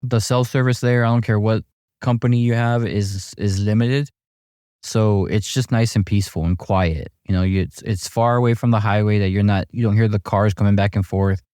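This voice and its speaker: A middle-aged man chatting casually as a guest, telling stories in a relaxed way with lots of fillers and restarts. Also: lowish voice, normal speed, clear, resonant tone, no room sound, clean studio sound. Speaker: amateur golfer guest. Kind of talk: casual chat.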